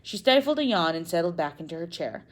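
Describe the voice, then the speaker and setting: A woman narrating a first-person novel in an expressive reading, now and then correcting a slip. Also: on the low side, fast. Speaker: audiobook narrator.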